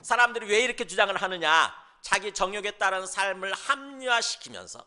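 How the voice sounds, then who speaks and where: A male pastor preaches in a chatty, questioning way, now and then slipping into a mocking scoffer's voice. His voice sits high for a man and swings widely in pitch. The tone is bright and forward. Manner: conversational preaching with rhetorical questions; mimics scoffers in mocking asides. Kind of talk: sermon.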